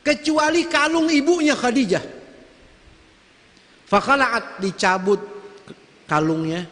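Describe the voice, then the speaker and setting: A man preaching, retelling a story with animated delivery and acted-out dialogue. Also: very high-pitched, slow. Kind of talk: storytelling sermon. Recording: long hall reverb.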